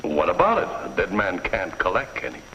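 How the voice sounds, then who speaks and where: An actor playing a surly, hot-tempered gangster with a sneering, slangy manner in a vintage radio drama. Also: male voice, low voice, huge pitch swings, moderate pace, pushed and bright, slight background noise, heavily acted. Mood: menacing. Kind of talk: 1950s radio drama acting. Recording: dull lo-fi vintage radio recording.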